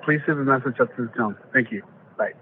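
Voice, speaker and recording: A man's voice: mid-range voice, quick pace, a little hiss or hum. A man, a soccer coach, heard over a phone line, giving a voicemail greeting and chatting casually as a podcast guest. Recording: muffled, lo-fi phone audio.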